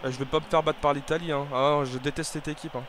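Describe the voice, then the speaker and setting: A young man commenting casually on his own football video game, rambling and hesitant with many fillers and restarts, breaking into excited shouts at the game. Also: on the high side, fast, background noise. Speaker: gaming video creator.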